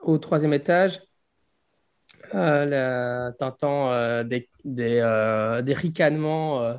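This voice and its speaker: A man's voice: mid-range voice, slow pace, clean tone. A man improvising narration as game master of a tabletop game, hesitantly searching for his words.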